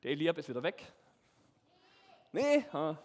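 A man telling a Bible story to children in character, playful and animated, speaking straight to them. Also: a little high, unhurried. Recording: echoey hall.

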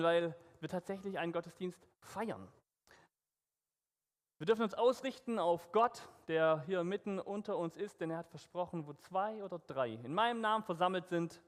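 A man's voice: sits high, long reverb tail. A man leading a church service as pastor, upbeat and coaxing as he talks the congregation through an interactive story. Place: church hall with stage.

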